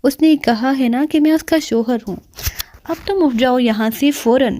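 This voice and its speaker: A woman voicing a boastful, hot-tempered male street thug who talks in a gruff, threatening way in an audiobook. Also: sits high, dark tone, a little hiss or hum, natural voice.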